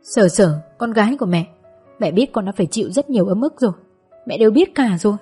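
A woman doing a soft, soothing mother. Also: medium pitch, animated, fast, breathy edge, soft background music. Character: tender, doting middle-aged mother.

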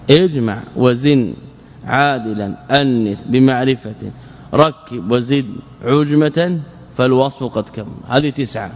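A fairly high-voiced man lectures on grammar to a class, chanting verse lines slowly before he breaks them down with questions he answers himself. His voice rings out with a long reverb, as if it were captured in a large hall. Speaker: Islamic scholar teaching Arabic grammar.

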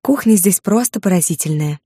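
A woman voicing a fussy, always displeased female guest with a squeaky, creaking voice and a scolding manner. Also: animated, fairly quick, mellow, no echo, clean studio sound. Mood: gushing. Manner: scolding, shrill and indignant.

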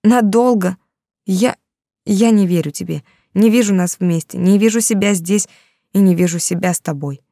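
Desperate young heroine, read by a woman, raised tearful pleading, warm dark tone, audiobook. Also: medium pitch, normal speed, no room sound, studio quality, close to an everyday voice. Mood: anguished.

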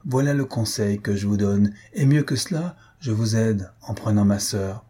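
A man's voice: on the low side, normal speed, warm tone, slightly rough. A man reading an audiobook, voicing a stern, practical middle-aged aunt who lectures bluntly, raised well above his own voice. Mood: scolding. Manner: lecturing, firm and cutting.

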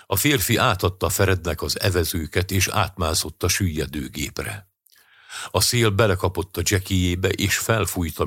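Deep, husky male audiobook narrator. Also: no room sound, studio quality.

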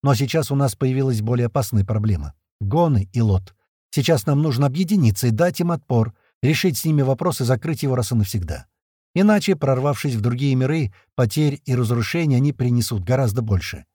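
A man voicing a calm, composed colonel. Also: mid-range voice, dry recording, clean studio sound, lightly acted. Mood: calm, persuasive. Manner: measured, persuasive, level-headed. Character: calm composed male colonel from another world.

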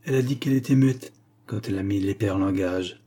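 A man voicing a sharp, self-assured young woman pawnbroker who speaks curtly and dryly. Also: lowish voice, quick pace, lightly acted. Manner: curt, dry.

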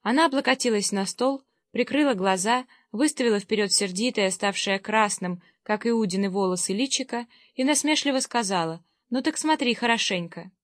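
A woman's voice: medium pitch, moderate pace, hardly any pauses, dry recording. Woman reading a literary novel aloud. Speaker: audiobook reader. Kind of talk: literary audiobook narration.

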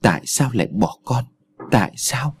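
A man voicing a grief-stricken young mother, sobbing and pleading, in a husky voice. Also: mid-range voice, lively intonation, moderate pace. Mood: anguished.

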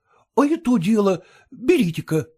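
A man's voice: high-pitched, sing-song, normal speed, mellow, husky, heavily acted. A man reading aloud, voicing an earnest, jealous and self-satisfied male suitor who pleads fervently.

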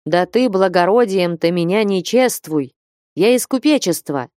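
A woman voicing a young male merchant who coaxes and calls out loudly. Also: mid-range voice, animated, a little slow, no echo, clean studio sound, close to an everyday voice. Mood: insistent.

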